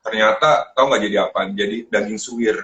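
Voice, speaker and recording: A man's voice: lowish voice, brisk, lo-fi sound. A man, a guest chef, telling stories in a casual live chat over a video call and acting out the voices of the people in them. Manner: animated, acts out quoted voices while telling stories.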